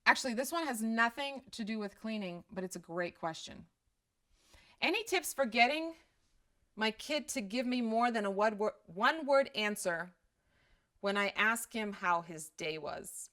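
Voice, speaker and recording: With a fairly high pitch, lively intonation, and a sharp tone, she speaks a little slowly. The middle-aged woman, from Croatia and with a slight Croatian accent, talks casually about parenting on a live stream and answers viewers' questions in a candid, self-deprecating manner.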